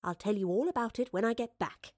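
A woman narrates a storybook as a female professor-adventurer, brisk, cheerful and affectionate with a politely old-fashioned, dry manner. Her voice sits a little high and close to everyday speech, recorded without echo, and she sounds assured.

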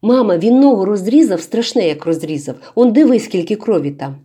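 A woman's voice: huge pitch swings, a little slow, slightly rough, exaggerated voice. A woman voicing a bossy teenage village girl who shrieks and mocks in a storybook reading. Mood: panicked. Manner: shrill, shrieking.

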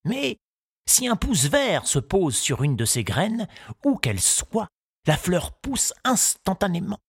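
A man's voice: high voice, wildly swooping pitch, slightly rough, dry recording, clean studio sound, pitched above the performer's own voice, full character voice. Give me a man doing a kindly old gardener. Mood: confiding. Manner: slow, musing, confiding. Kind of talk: audiobook character reading.

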